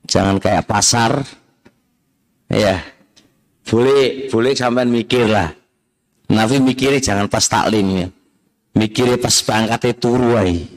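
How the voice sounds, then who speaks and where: A man's voice: fairly low pitch, a little slow, pauses often. A middle-aged man with an East Javanese accent giving a religious study lecture, mixing in Javanese phrases and addressing listeners directly. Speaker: Islamic religious teacher.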